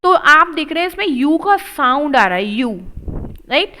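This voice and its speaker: A woman's voice: high voice, big pitch swings, bright, forceful tone, a little hiss or hum, rough recording. A woman teaching an English reading lesson, drilling words one at a time and explaining in Hindi mixed with English. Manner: slow word-by-word drilling, mixing Hindi and English.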